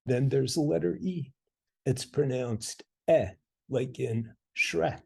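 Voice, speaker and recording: A man narrating a scripted language lesson with dry, deadpan humor. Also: mid-range voice, slow, gravelly, breathy edge. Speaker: language teacher.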